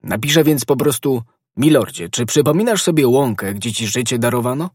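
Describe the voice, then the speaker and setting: A man reading a hot-headed young musketeer in an audiobook, impatient and lively. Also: mid-range voice, a little fast, husky, no echo, studio quality. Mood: earnest.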